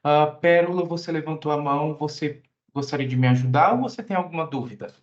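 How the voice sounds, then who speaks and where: A man's voice: a little high, a little fast, muffled recording. A man teaching English in an online class, patiently explaining grammar at length and asking students questions.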